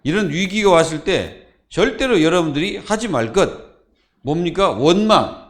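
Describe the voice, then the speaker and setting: A man's voice: high voice, animated, moderate pace. A man preaching a Friday sermon as pastor, asking the congregation questions and answering them himself.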